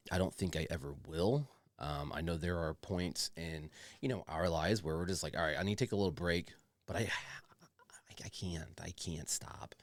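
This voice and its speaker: A man's voice: sits low, dry recording, clean studio sound. A man hosting a casual podcast, rambling along in slangy, profane chat. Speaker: podcast host.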